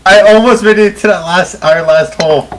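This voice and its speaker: A man chats and banters casually during a game with friends. His voice is a bit high. There is faint noise with clicks in the recording. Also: a little fast. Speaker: player in a group gaming video.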